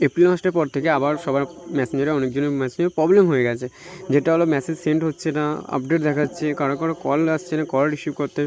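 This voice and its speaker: This is a tech tutorial YouTuber, an Indian man with a Bengali accent, explaining a phone casually. He speaks very fast in a slightly high, somewhat mellow voice with fairly even intonation, says things more than once, and often tags on a checking question.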